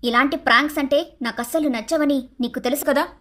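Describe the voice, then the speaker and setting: A woman voicing a sharp-tongued young married woman in a cartoon story, speaking bluntly and scolding. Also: high voice, quick pace. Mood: indignant. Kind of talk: Telugu storybook cartoon dialogue.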